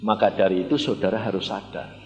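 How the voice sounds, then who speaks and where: Seorang pria, pengkhotbah beraksen Jawa, bercerita dengan dramatis, kadang berteriak kadang berbisik. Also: male voice, fairly low pitch, steady tone, quick pace. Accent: Javanese. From Indonesia. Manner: dramatic storytelling, swings from loud shouts to hushed near-whispers; mixes in Javanese phrases, acts out quotes. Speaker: evangelist preacher. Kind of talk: sermon. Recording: echoey hall recording with faint music.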